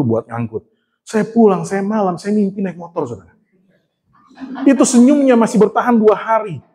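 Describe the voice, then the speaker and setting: A man's voice: sits high, a little mellow. A man preaching a sermon in a casual storytelling way, often turning to address his congregation and poking fun at himself. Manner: humorous and self-mocking.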